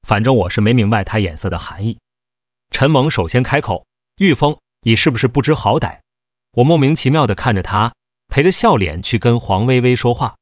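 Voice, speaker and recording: A man narrating a first-person novel as a storyteller, in a steady, even read. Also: mid-range voice, no echo, studio quality.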